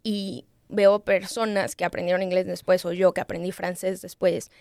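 A young woman chatting as a podcast host, talking through her thoughts and letting sentences trail off. Her voice has a gravelly, fry-tinged edge. It sounds dry and close, with no room around it. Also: on the low side, flat delivery, moderate pace, darkish tone, dry recording. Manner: chatty, thinks aloud, trails off mid-sentence. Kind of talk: casual podcast conversation. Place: small podcast studio. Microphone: studio microphone.

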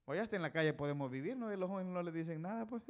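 A male preacher giving a folksy sermon, teasing and calling out questions to the congregation, swinging between loud and soft. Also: sits high, animated, rapid-fire.

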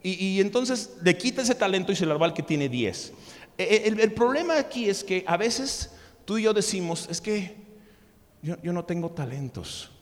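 A preacher with a notably high voice delivers a sermon, spinning animated stories and tripping into quick stammered restarts. His voice rings out with a long reverb, as in a large hall.

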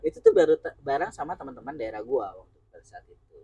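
A man's voice: medium pitch, sing-song, fast talker, warm tone. A young man with a Jakarta accent, chatting casually as a podcast host. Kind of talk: casual chat.

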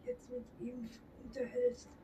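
A woman voicing a helpful male police colleague in a soft, half-whispered way, recorded from a distance with audible background noise. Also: extremely high pitch, very animated, measured pace, highs cut off, heavily acted.

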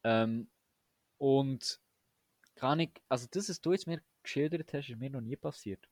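A man's voice: medium pitch, measured pace, dry recording. Enthusiastic young man, dry sound. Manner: enthusiastic, slangy, many restarts. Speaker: podcast co-host. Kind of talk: casual chat.

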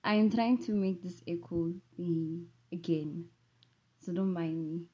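A woman's voice: fairly low pitch, measured pace, mellow, breathy edge. A young woman at home, chatting casually and rambling playfully with sassy asides, as host of her own vlog. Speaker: vlogger.

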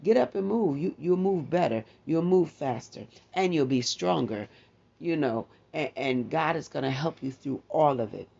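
A man with a gravelly voice delivers a morning devotional. He exhorts his listeners in repeated, declaring phrases. The recording sounds dull and lo-fi. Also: fairly high pitch, lively intonation, moderate pace, darkish tone.

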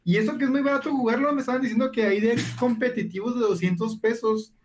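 A man's voice: extremely high pitch, fast, a little hiss or hum. A man with a northern Mexican accent co-hosting a livestream, laid-back and slangy in casual chat. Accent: northern Mexican Spanish. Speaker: livestream co-host.

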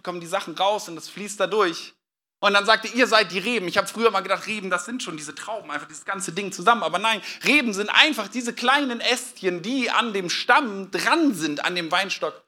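A man preaching a sermon as pastor, animated and dramatic, acting out quotes with sudden loud outbursts. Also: sits high.

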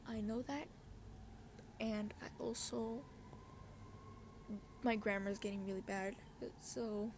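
A young adult woman with a high, darkish voice hosts a podcast, chatting casually in a scattered, slangy way about personal matters and often interrupting herself. She is outdoors, so the recording picks up wind, passing cars, and ambient noise.

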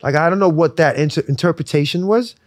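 A young man from Nigeria, a musician talking in a relaxed, reflective way with lots of fillers during an interview. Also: fairly high pitch, quick pace, dry recording, clean studio sound. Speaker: musician guest. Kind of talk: casual interview talk.

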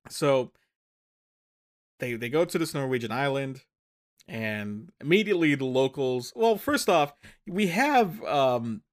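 This male co-host talks through a movie on a podcast, wandering off track, fixing his own words, and laughing frequently. He speaks a little slowly in a mid-range voice with big swings in pitch.

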